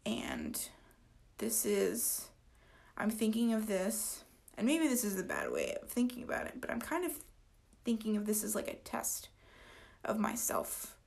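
A woman in her twenties hosting a casual solo podcast, tired and yawning, rambling with lots of fillers and soft trailing endings. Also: mid-range voice, big pitch swings, measured pace, gravelly. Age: 20s. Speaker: podcast host.

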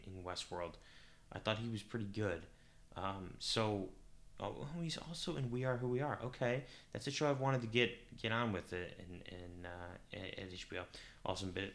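A man's voice: fairly low pitch, fairly bright tone. A young man hosting a podcast on his own, chatting casually and rambling, correcting himself as he thinks aloud. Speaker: podcast host. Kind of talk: casual solo podcast chat.

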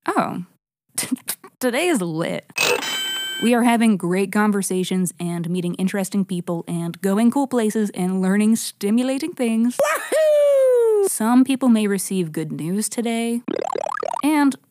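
A woman's voice: medium pitch, lively intonation, unhurried, background noise. An American woman narrating a horoscope in a casual comedic style, irreverent and sweary, with slangy, playfully dramatic delivery. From New England, United States. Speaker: astrologer, host.

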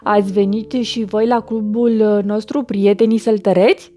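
Brief: storybook mother rabbit, chatty and tired, read by a woman, mellow tone. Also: mid-range voice, flat delivery, natural voice. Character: busy sighing female rabbit mother.

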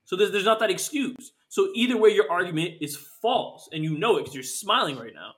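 A man co-hosting a sports podcast, arguing in fast casual chat and often cutting in and repeating himself. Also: high voice, lively intonation, fairly bright tone. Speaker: podcast co-host.

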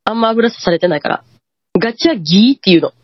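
Kansai woman guest, husky, lively pitch, muffled dry lo-fi call audio, animated ghost-story teller. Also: fast talker, no echo. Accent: Kansai Japanese. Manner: animated, acts out quoted lines. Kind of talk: casual ghost-story telling.

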